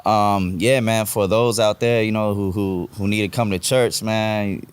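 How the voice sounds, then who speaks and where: A man's voice: fairly low pitch, steady tone, unhurried, slight background noise. A man giving a casual, earnest personal testimony in informal speech as a guest. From Puerto Rico. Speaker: podcast guest, church member.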